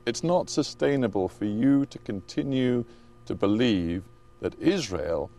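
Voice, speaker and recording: A man conducting a confrontational television interview, probing and challenging with deliberate, emphatic phrasing. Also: mid-range voice, animated, dark tone. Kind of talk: confrontational current affairs interview.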